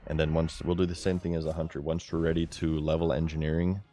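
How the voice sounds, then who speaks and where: A man giving live gameplay commentary as a streamer, chatty and excitable, talking straight to his chat. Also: extremely low pitch, quick pace.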